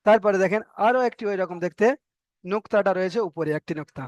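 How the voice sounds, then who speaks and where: A man's voice: high voice, fast talker, no room sound. A man teaching Arabic letter reading in a patient, explanatory way, with a Bengali accent, repeating letter names and stretching sounds to demonstrate. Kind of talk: explanatory online lesson.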